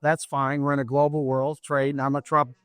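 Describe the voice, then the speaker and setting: A man's voice: medium pitch, little pitch movement, brisk, fairly bright tone, smooth, no echo. A man running for office, talking in an interview in an emphatic, lecturing way, repeating his points. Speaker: political candidate. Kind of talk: campaign interview.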